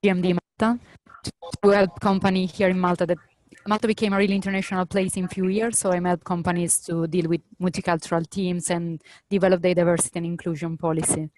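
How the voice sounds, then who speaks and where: An Italian woman whose first language is Italian introduces herself on a video call, hesitating as she speaks. Her voice sits fairly low. The sound is dry, with no room echo. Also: flat delivery, quick pace, a little mellow. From Italy. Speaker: participant, diversity consultant.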